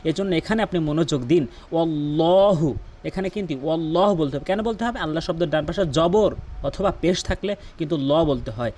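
Brief: man with a Bangladeshi Bengali accent, patient recitation teacher, voice sits a bit high. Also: lively intonation, darkish tone. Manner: patient, repeats words slowly for the viewer to copy. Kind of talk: Quran pronunciation lesson.

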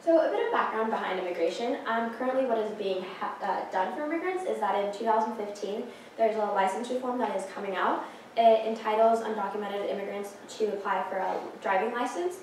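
A woman's voice: medium pitch, fairly quick, very echoey, slight background noise. A young woman from Peru giving a class presentation, earnest, with frequent ums and restarts, heard from a far camera in a classroom. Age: late teens. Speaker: student presenter. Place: classroom with projector screen.

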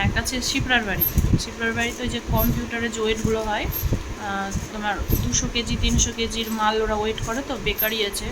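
A woman's voice: on the high side, very noisy. A woman in her thirties from Bengal, chatting casually to viewers at home while she cleans and tidies. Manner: chatty, talks while doing housework. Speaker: vlogger. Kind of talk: casual home vlog chat. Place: home, indoors.

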